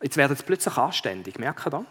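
A man's voice: mid-range voice, very animated, fast, a bit bright, husky, long reverb tail. A man preaching a sermon, talking conversationally and putting questions to his listeners. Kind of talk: sermon with read-aloud story passage.

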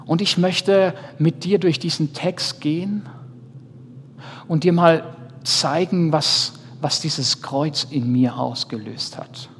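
A man in his thirties, a pastor, preaching a sermon earnestly, speaking straight to his listeners and shifting between loud and soft. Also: on the high side, slow, a little hiss or hum. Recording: reverberant hall, faint ambience.

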